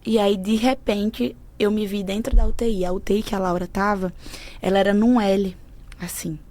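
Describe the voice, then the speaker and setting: A woman, a podcast guest who shares a personal faith story in an earnest, emotional way that often goes soft. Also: medium pitch, steady tone, moderate pace. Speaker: podcast guest, mentor of women. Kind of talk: personal faith testimony in conversation.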